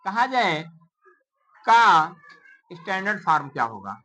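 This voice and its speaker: A woman's voice: fairly low pitch, big pitch swings, takes it slowly, bright, forceful tone, slight background noise, rough recording. A woman math teacher in a classroom, counting digits aloud, mixing in English number words, and quizzing her pupils with repeated questions in a coaxing way. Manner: calls pupils "beta" in a coaxing tone. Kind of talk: classroom lesson.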